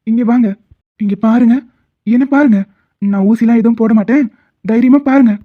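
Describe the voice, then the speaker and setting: A woman's voice: fairly high pitch, moderate pace, natural voice. Woman as firm, protective male doctor, cartoon drama, tinny phone-like sound. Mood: firm reassuring. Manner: reassuring, firm. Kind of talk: cartoon voice acting.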